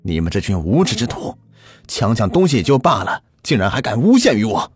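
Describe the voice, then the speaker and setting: Man voicing a poor hunter in a ghost story, low quiet pleading, husky tone. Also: sing-song, moderate pace, faint music behind. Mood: indignant. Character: poor desperate male hunter, a family man.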